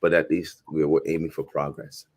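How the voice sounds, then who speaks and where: A man in his forties, originally from Haiti, speaks in a very low voice. He talks earnestly and thoughtfully as an interview guest, often starting a phrase over before finishing it. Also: flat delivery, moderate pace, darkish tone. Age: 40s. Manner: earnest, reflective, frequent restarts. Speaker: guest filmmaker and professor. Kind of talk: casual interview conversation.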